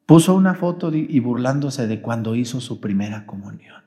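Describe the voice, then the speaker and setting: Folksy priest preaching. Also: male voice, medium pitch, animated, normal speed, warm tone. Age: 40s. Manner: questioning the congregation directly, folksy. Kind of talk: sermon at Mass.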